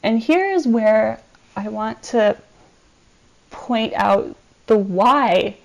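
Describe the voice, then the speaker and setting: A woman giving a recorded presentation over slides, measured and explanatory, with frequent ums. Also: on the high side, animated, vocal fry, poor audio. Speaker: archivist presenting a collection.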